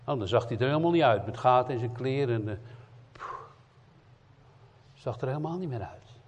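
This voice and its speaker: A man preaching a sermon in as an evangelist, emphatic, swinging between loud cries and quiet earnest asides. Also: mid-range voice, expressive, a little fast, slight background noise. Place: church hall. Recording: dull lo-fi sound in a reverberant church hall.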